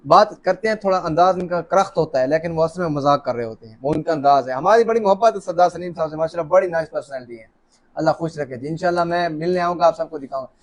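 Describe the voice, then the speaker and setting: A man's voice: fairly high pitch, fast talker. Chatty man hosting a live draw. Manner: chatty, joking, warm greetings to viewers. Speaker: host of a live lucky draw. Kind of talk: casual live-stream chat, reading out names. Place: office, seated alone at a camera.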